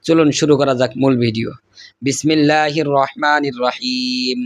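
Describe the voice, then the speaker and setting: A man with a Bangladeshi Bengali accent teaching Quran reading, spelling out Arabic letters and stretching the syllables in a slow chant, with quick spoken asides in between. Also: mid-range voice, steady tone, no room sound. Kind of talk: recitation lesson, spelling out letters.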